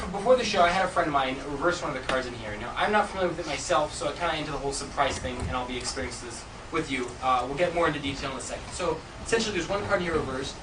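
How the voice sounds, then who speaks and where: A man working as a stage magician, delivering jokey theatrical patter to a live audience in a fairly large room. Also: a little high. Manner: jokey, chuckles at own jokes. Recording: echoey room from far off, loud noise.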